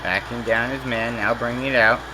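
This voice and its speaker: A man calling simulated basketball play-by-play, rattling off each possession and jumping up in pitch and volume when a shot drops. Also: fairly even intonation, background noise. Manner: rapid play calling that rises sharply on made shots. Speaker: play-by-play announcer.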